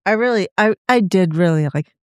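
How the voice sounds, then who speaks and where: A woman's voice: medium pitch, brisk, clean tone, no echo, clean studio sound. A middle-aged woman with the hiccups, hesitantly giving her beer rankings in casual chat. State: has the hiccups.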